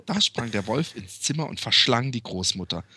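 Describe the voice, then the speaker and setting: Young guy reading a fairy tale and mocking it, lively up and down, husky, dry close sound. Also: medium pitch, normal speed, no room sound. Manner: sarcastic, crude asides.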